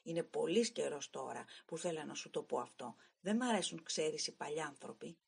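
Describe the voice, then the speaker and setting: A jealous, hot-headed young male train stoker in a storybook, accusing and hostile whenever he speaks, as a woman reader puts him on. The voice is low and strongly husky. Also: expressive, darkish tone, exaggerated voice.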